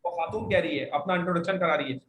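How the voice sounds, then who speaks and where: A man's voice: a little high, a bit bright, slight background noise, poor audio. A man from Pakistan teaching an Arabic class, firmly drilling and correcting his students. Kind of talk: classroom lesson with online students.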